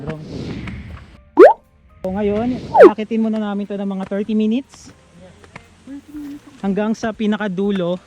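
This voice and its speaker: A man's voice: high-pitched, a little hiss or hum. A man talking casually as a travel vlogger on a mountain trail, joking at his own expense and laughing often, out of breath from the climb. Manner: chatty, laughs often, jokes at himself. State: out of breath while hiking. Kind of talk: casual travel vlog narration.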